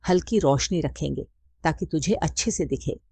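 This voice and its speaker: A woman voicing an affectionate, teasing middle-aged mother in a storybook reading, speaking in a soft, coaxing way. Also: sits low, normal speed, gravelly, breathy edge, dry recording, heavily acted. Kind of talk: scripted story narration.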